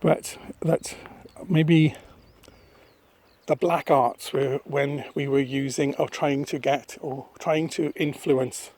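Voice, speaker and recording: A man talking into his phone on a misty countryside walk, thoughtful and rambling, pausing often. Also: a little high, steady tone, darkish tone. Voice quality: husky. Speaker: vlogger. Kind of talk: casual walking vlog monologue. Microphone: phone held at arm's length.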